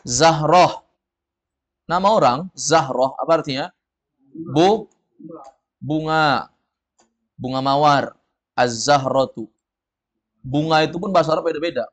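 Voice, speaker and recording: Speaking in a voice on the high side, unhurried and marked by long pauses, a man of Padang descent teaches Arabic to a group in a study room. He says each word for the students to echo back, then explains its meaning.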